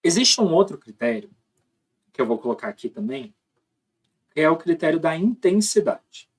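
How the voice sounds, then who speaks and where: A man's voice: a little high, very animated, normal speed, slightly rough. Male teacher explaining step by step. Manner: explains step by step, often checks with "tá?". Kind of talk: recorded classroom lesson.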